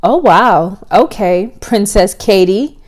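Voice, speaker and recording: A woman reading a story aloud, voicing a young woman friend who gushes and chatters excitedly. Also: mid-range voice, slow. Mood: gushing.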